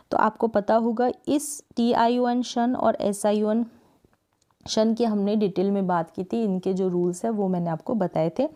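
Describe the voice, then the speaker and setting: A woman from India teaching English spelling rules, patiently repeating words and stretching syllables slowly to show pronunciation. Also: on the high side, dark tone. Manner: slow, drawn-out syllable-by-syllable pronunciation drills; patient, repeats words often with "thik hai" checks. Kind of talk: explanatory lesson.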